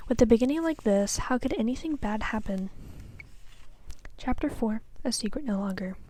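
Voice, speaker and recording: Soft-voiced young woman reading a storybook. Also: on the high side, expressive, normal speed, a little hiss or hum. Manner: careful, soft reading with small slips. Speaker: student reader. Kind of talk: reading a children's novel aloud.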